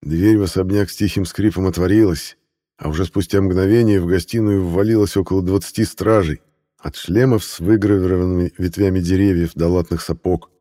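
A man narrating a fantasy audiobook in a steady, measured way. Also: low-pitched.

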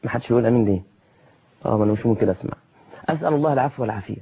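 A man's voice: medium pitch, racing, mellow, breathy edge. A man with an Egyptian accent preaching on television in a colloquial way, full of rhetorical questions. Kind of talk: televised sermon.

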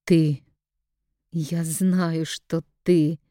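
A woman's voice: deep voice, flat delivery, drawn-out words, warm tone, dry recording, clean studio sound. A woman voicing a cold, enraged man defending himself against accusations. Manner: icy then raging.

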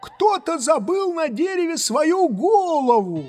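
A woman voicing a timid old male servant in a storybook reading, slow, drawling and fearful, with long reverb and faint music behind. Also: extremely high pitch, big pitch swings, a little mellow, voice pushed up, heavily acted.

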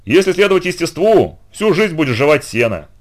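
A man voicing a brutal, boastful male warrior demigod in an audiobook, loud and threatening. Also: fairly high pitch, expressive, a little fast, voice pushed up, natural voice. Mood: boastful menace.

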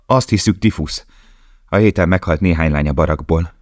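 A man's voice: low-pitched, no echo, studio quality, natural voice. A man reading an audiobook, voicing a frightened young woman prisoner in a pleading, urgent way.

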